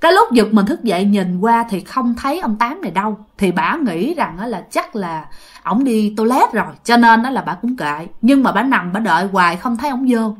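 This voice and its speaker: A woman's voice: fairly high pitch, animated, normal speed. A woman with a Southern Vietnamese accent telling a ghost story in a chatty way, addressing her listeners directly.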